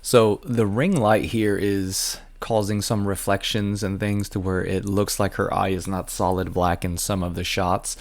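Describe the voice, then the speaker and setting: A hognose snake breeder with a very low voice, made raspy by a sinus infection, shows off his snakes in a casual, explanatory show-and-tell. He speaks in a relaxed, unscripted way, filling pauses with ums and uhs.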